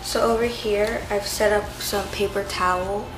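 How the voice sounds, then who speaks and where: A woman walks through a home baking demonstration in an easygoing, unhurried way, her speech loose and full of "like" and "so". She is filmed from above her kitchen counter, and her voice sounds echoey against steady background music. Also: mid-range voice. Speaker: home cooking vlogger. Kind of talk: casual step-by-step cooking demonstration.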